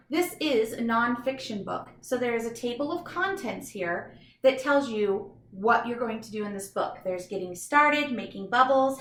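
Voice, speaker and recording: A female teacher reads a children's book aloud in an echoey room, her voice bright, fairly high and enthusiastic. She speaks directly to young children in an instructive way, adding chatty explanations as she goes.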